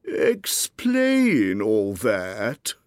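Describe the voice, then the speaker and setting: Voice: medium pitch, huge pitch swings, dry recording, clean studio sound, pitched above the performer's own voice, heavily acted. A performer voicing a ponderous, touchy, mournful turtle creature in a storybook, drawing the words out. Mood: offended. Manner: slow, drawn-out, easily offended.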